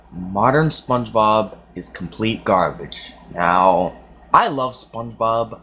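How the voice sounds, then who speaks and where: A man's voice: on the low side, a bit bright, a little hiss or hum. A young man rambling hesitantly in a casual reaction commentary, with many fillers and restarts. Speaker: reaction video host.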